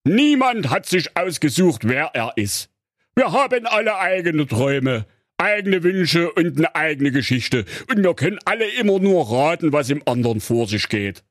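A man's voice: a little high, big pitch swings, moderate pace, no echo, clean studio sound, pitched above the performer's own voice. A man voicing a male donkey who turns out to be a zebra, bossy and then earnestly preachy.

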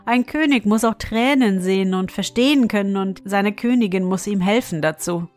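A woman voicing an earnest, gentle young prince in a fairy tale reading. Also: mid-range voice, normal speed, faint music behind, close to an everyday voice. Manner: earnest, pleading.

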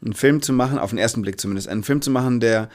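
Guy being interviewed, earnest, thinking out loud, average pitch, casual talk. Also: rapid-fire. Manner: reflective, earnest, searching for words. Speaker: interview guest, filmmaker.

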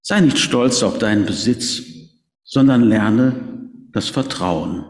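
A man's voice: lowish voice, slow, pitched below the performer's own voice. A preacher quoting Jesus speaking earnestly to a rich man. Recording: echoey reverberant hall.

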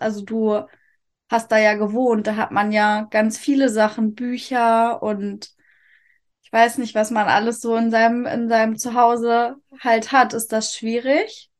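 A podcast host with a voice on the high side reads a scripted introduction, then interviews her guest gently, rephrasing the guest's answers.

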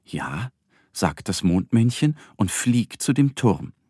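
A man narrating a children's story in a slow, gentle, expressive bedtime-reading manner. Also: mid-range voice, husky, dry recording, clean studio sound.

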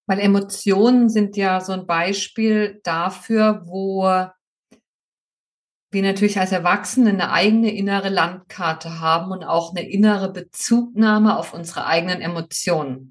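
A woman hosting a podcast, explaining her points in a calm, measured way. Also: mid-range voice. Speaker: podcast host. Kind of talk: reflective interview talk.

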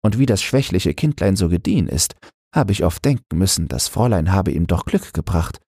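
A man's voice: deep voice, animated, fairly quick, a little mellow, slightly rough, no room sound, studio quality, pitched above the performer's own voice, exaggerated voice. A man voicing a kindly, devout wife of a river boatman in a storybook reading. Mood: gentle. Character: old woman, a boatman's wife, gentle and devout.

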